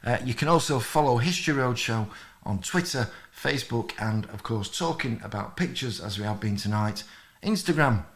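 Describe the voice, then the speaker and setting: A man's voice: medium pitch, lively intonation, moderate pace, a bit bright. Male host, rambling, chatty live-stream sign-off voice. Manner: rambling, friendly, many fillers, reads out chat comments. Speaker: history channel host. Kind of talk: live stream chat with viewers.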